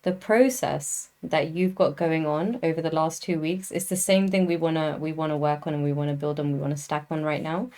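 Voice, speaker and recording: Direct low-voiced woman coach. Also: steady tone, a little fast, few pauses, warm tone. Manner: direct, encouraging, laughs easily. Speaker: trading psychology coach. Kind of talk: casual coaching call.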